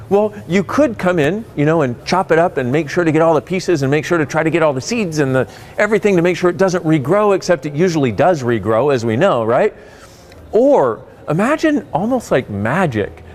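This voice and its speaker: A man explains a self-help tool with playful stories, his pitch leaping high and dropping low. A faint hiss sits under the recording. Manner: animated, playful storytelling with sudden rises in pitch. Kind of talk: spoken explanation to camera.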